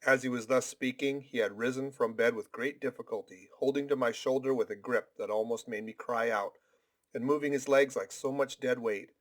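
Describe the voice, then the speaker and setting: A man reading a novel aloud as a steady audiobook narrator. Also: mid-range voice, normal speed. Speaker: audiobook reader. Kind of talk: scripted narration.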